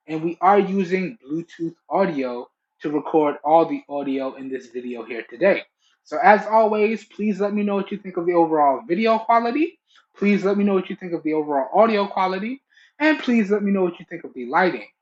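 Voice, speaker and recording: A man chatting casually to viewers in a product review, heard through a Bluetooth earbud microphone. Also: a little high. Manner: chatty, addresses viewers as y'all. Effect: recorded through Bluetooth earbud mic. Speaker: tech reviewer. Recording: dull lo-fi Bluetooth earbud mic.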